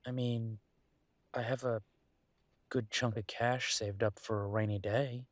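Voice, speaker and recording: Soft, coaxing, and given to thoughtful pauses, a man portrays an affectionate, world-weary werewolf detective for an intimate audio drama. His mid-range voice holds a steady tone and sounds natural on a dry recording.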